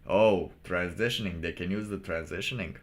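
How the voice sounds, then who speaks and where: Over music, a live streamer with a very low voice reacts to motivational videos with off-the-cuff commentary. He philosophizes haltingly and ramblingly, with a blunt, irreverent edge.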